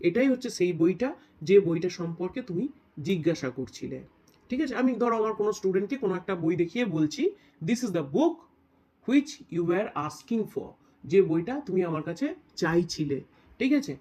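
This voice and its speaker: A man teaching a grammar lesson, explaining step by step, reading examples out slowly and often asking his students whether it is clear. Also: sits high, animated, dark tone. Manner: explains step by step, checks in with "right?"; reads English examples slowly.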